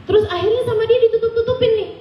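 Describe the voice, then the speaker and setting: High-voiced woman preacher telling a story. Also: racing, lo-fi sound, a little hiss or hum. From Indonesia. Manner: lively storytelling, acting out dialogue with laughter. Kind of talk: religious talk with personal anecdote. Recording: echoey room, distant mic, faint ambience.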